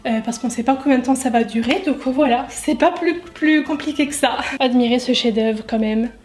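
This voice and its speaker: A woman's voice: fairly high pitch, moderate pace, darkish tone. A young woman, a lifestyle YouTuber, answering viewer questions in a casual vlog while she cooks at home, chatty and self-mocking with lots of fillers. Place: home kitchen. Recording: echoey kitchen sound.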